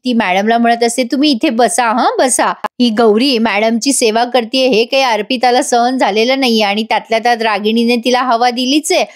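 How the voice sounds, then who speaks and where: A woman recaps a TV serial episode as a voice-over, chatting straight to her viewers. Her voice sits high and she tells it like a lively story. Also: fairly quick, hardly any pauses. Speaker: TV serial reviewer.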